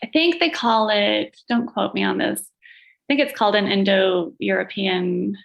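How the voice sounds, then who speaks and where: A gallery owner and curator whose first language, learned at home, is Latvian talks about herself as a podcast guest in a casual interview. She speaks unhurriedly in a creaky, mid-range voice, often laughing a little and making self-deprecating asides. The sound is lo-fi.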